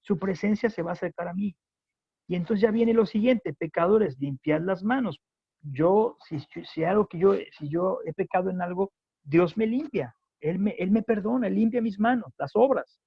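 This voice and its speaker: A man with a Mexican accent preaching a sermon to a home group, impassioned and rising to near-shouts on scripture. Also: sits high, normal speed, gravelly, husky, dry recording. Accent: Mexican Spanish. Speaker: pastor. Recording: dull, dry lo-fi sound.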